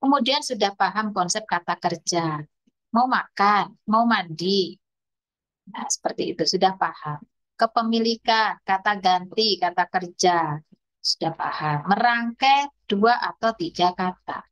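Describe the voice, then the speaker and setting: A woman's voice: mid-range voice, a little slow, fairly bright tone, lo-fi sound. Woman therapist, patient lecturing tone with baby-talk imitations. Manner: explanatory, imitates toddler speech and animal sounds. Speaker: speech therapist. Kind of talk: lecture to parents.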